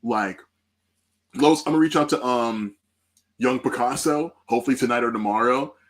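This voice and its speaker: A man hosting a casual music podcast, talking in a loose, profane and animated way into a podcast mic. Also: medium pitch, normal speed, a crowd in the background. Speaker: podcast host.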